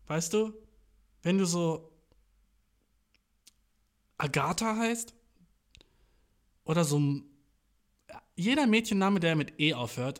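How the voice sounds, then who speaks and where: A young man chatting casually as a podcast host, rambling in slangy, profane talk and acting out his inner voice. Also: high-pitched. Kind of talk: casual chat.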